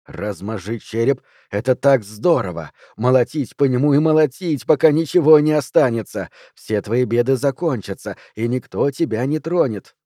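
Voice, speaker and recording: A man reading an audiobook, voicing a sinister inner voice that urges murder in low, slow tones. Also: dark tone, no echo, studio quality, close to an everyday voice. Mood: urging. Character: sinister whispering inner voice urging murder, male.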